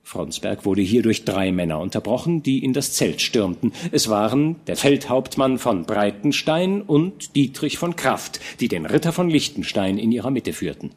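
A man narrating a classic novel as an audiobook in an expressive, measured storytelling manner. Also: mid-range voice, breathy edge. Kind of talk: scripted literary narration.

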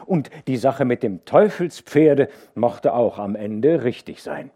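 A man narrating a classic novel as an audiobook, with measured, expressive storytelling. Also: mid-range voice. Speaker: audiobook reader.

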